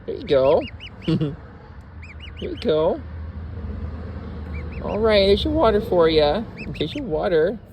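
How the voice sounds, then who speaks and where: A man's voice: sits high, big pitch swings, slow pace, long pauses, darkish tone, slight background noise. A man talking baby talk to his pet gosling, cooing, doting and laughing often.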